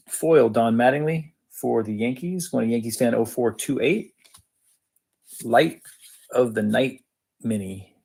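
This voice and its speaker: A man's voice: mid-range voice, gravelly, darkish tone, slightly rough. A man hosting a sports card break, reading out cards in casual, matter-of-fact, clipped phrases.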